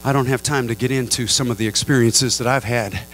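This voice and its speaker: A middle-aged male pastor preaching a Pentecostal sermon into a handheld mic, swinging from low, measured talk to high, fervent appeals and calling on the congregation to respond. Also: steady tone, fairly bright tone, slight background noise. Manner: asks the crowd for response. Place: large church sanctuary with a congregation. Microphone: handheld microphone.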